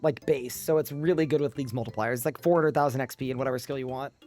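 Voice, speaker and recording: A man's voice: mid-range voice, steady tone, quick pace, a little mellow, faint music behind. A sleep-deprived man streaming a game live, chatting casually and reading his chat aloud.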